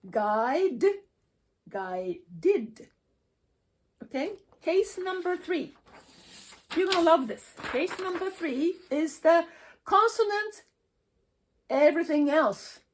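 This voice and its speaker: A woman teaching English pronunciation, slowly sounding out words and endings for her students to repeat. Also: high-pitched. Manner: slow, deliberate, repeats sounds for practice. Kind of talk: pronunciation lesson.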